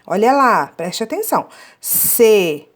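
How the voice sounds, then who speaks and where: Woman teaching young children, lively, sing-song delivery, drawing out syllables and checking in with the class. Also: high-pitched. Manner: slow, drawn-out syllable counting; checks with "tá?" often. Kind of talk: children's lesson.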